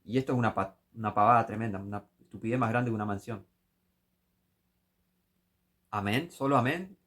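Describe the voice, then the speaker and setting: A man with a Rioplatense Spanish accent preaching a critical sermon commentary, scolding and rising to impassioned shouts. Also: on the low side, a little fast.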